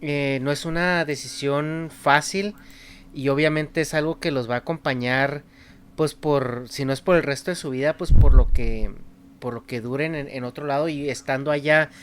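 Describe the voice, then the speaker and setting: A man talking casually on a podcast, relaxed and joking. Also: fairly high pitch, moderate pace, a little hiss or hum. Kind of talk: casual chat.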